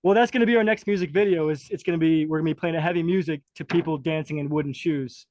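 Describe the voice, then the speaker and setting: Brief: slightly higher-voiced male guest, wry joker, dry sound. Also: fast talker, dry recording, rough recording. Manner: relaxed, joking storyteller. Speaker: band member guest. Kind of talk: casual interview.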